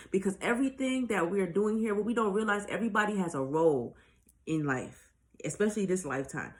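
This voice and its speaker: A woman's voice: medium pitch, a bit bright. A woman speaking as a spiritual life coach in a casual motivational monologue, blunt and profane, pressing her points with repeated rhetorical questions. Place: at home, recording on her own.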